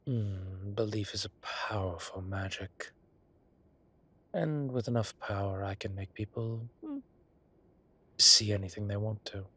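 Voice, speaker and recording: Husky, lowish and heavily acted, this man paces himself with frequent pauses as he plays a teasing, ancient, godlike figure with a tender romantic side in a roleplay audio drama. The delivery is drawling, indulgent and theatrical, and the mood is musing and tender.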